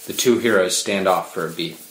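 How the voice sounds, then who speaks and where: Reading stage directions from a screenplay, this man speaks a little fast in a low, fairly bright voice. Film-score music runs under his scripted narration in an echoey space.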